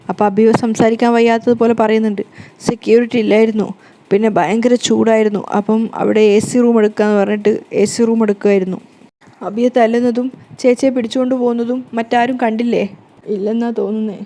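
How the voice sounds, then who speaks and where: A woman narrates a TV serial episode at a rapid clip. Her voice is mellow and darker in tone, and her pitch stays flat throughout. She reads every character's lines the same plain way.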